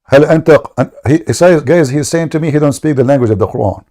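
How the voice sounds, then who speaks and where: A man's voice: a little high, normal speed, dark tone. A man hosting a live debate broadcast, switching between classical Arabic and English and pressing his caller with repeated questions. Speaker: host.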